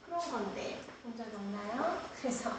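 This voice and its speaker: High-voiced woman teaching in an echoey room. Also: animated, normal speed, noisy background. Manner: explains step by step, asks the class questions. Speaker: English teacher. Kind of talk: classroom lesson. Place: classroom. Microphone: screen-recorded, far from the mic. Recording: roomy classroom, distant mic.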